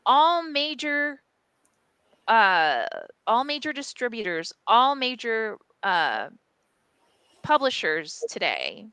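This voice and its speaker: A woman editor tells a story in casual podcast chat, frank, lively and quick to swear. Her voice is bright and crisp, and the sound is dry and close with no room echo. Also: fairly high pitch. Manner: animated storytelling, frank and profane, many fillers. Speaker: press editor.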